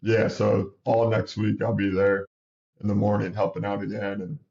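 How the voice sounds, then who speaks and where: A man's voice: lowish voice, normal speed, gravelly, muffled recording. A man in his thirties, a basketball coach, chatting casually as a guest, sniffling, rambling with restarts. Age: 30s. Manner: relaxed, rambling, with many restarts. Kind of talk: casual interview chat.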